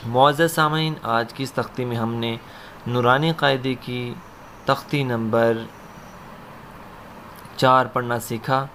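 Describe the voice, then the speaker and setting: A man's voice: medium pitch, steady tone, fairly bright tone, slight background noise. Man reciting Arabic letter drills. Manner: slow drilled syllable recitation with short explanations. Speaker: Quran reading teacher. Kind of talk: children's Quran reading lesson.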